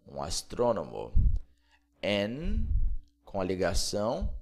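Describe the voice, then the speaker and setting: A man from Brazil teaching English pronunciation, repeating each word slowly and checking in with playful asides. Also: lowish voice, huge pitch swings. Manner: repeats words slowly and clearly, asks "beleza?" often. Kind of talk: Portuguese-spoken English pronunciation lesson.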